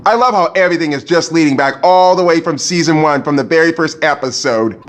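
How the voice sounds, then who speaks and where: A man's voice: on the high side, a little fast, faint music behind. A man giving informal review commentary as a video critic.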